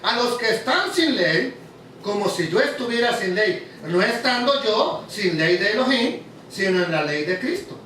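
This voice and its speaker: High-voiced preacher in an echoey hall. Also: male voice, lively intonation, unhurried, pushed and bright, a little hiss or hum. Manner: asks the audience questions. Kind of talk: teaching sermon. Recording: very echoey hall, mic far off.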